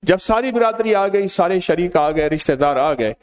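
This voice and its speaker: A man delivering a storytelling sermon in a fairly high voice that swings up and down with lots of expression. He talks straight to his listeners and keeps his anecdotes lively. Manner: animated, addresses the listeners directly. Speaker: religious preacher.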